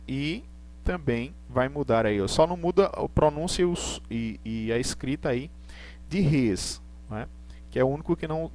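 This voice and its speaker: Patient teacher. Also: male voice, mid-range voice, darkish tone. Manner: patient, repeats points, reads English examples slowly and deliberately. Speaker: English teacher. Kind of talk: live online class.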